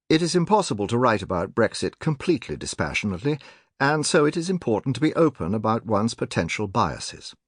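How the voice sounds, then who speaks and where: A man reading a nonfiction audiobook in a measured, clearly articulated way, recorded on a close studio microphone. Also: mid-range voice, dry recording. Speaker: audiobook narrator.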